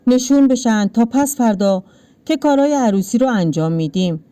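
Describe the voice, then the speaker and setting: A woman voicing a domineering village landlord in a read-aloud story, with curt, calm, menacing lines. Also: fairly high pitch, clear, resonant tone, close to an everyday voice. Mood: cold menace.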